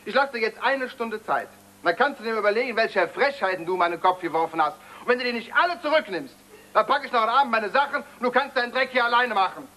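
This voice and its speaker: A defiant, sharp-tongued grown son in a stage farce, his voice high and bright. He needles and mocks with cutting comebacks. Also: expressive, quick pace, exaggerated voice, poor audio. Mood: mocking. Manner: mocking, sharp retorts. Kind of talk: stage comedy acting.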